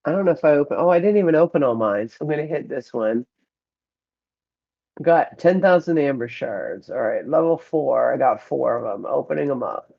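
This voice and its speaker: A woman's voice: very deep voice, lively intonation, normal speed, creaky, breathy edge. A woman streaming a mobile game at home, chatting casually and giving a running commentary on her rewards. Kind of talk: casual chat while playing. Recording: muffled lo-fi.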